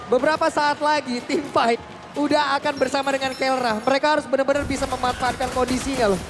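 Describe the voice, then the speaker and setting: Indonesian man, esports analyst caster, rapid talker over clear background music. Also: extremely high pitch, fairly even intonation. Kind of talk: live esports commentary.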